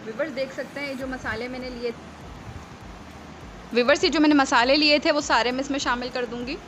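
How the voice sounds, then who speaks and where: A woman's voice: high voice, fairly even intonation, brisk, fairly bright tone. A woman from Pakistan hosting a home cooking tutorial in her kitchen, talking viewers through each step in a chatty way and checking in with them often. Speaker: cooking channel host. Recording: noisy home recording.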